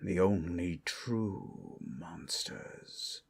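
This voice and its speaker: In a dramatic ASMR roleplay, a man voices an ancient dragon, solemn and protective, guarding its hoard. His low-pitched delivery is husky and breathy, heavily acted with lively intonation and grave, deliberate pauses. The mood is brooding and bitter.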